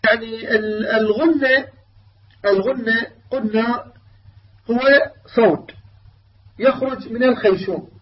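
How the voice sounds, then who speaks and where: Male tajweed teacher, high voice, hesitant explainer who slowly demonstrates recitation; distant, dull lo-fi recording. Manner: explains with many filler sounds, then slowly demonstrates recited words. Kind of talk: tajweed lesson. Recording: distant mic, dull lo-fi sound.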